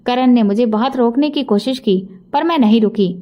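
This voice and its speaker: A woman reading a scripted first-person story aloud as its narrator, with a steady, even storytelling delivery. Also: on the high side, moderate pace, muffled recording.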